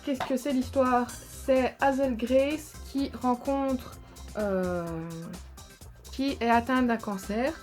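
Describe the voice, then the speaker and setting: A young woman YouTuber casually chatting about her favorite books and films, enthusiastic and rambling, with many fillers. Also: on the high side.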